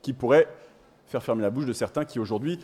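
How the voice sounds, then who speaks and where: A man's voice: medium pitch, quick pace, a little mellow, husky. A man hosting a studio quiz show, teasing and playful, laughing often. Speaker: host.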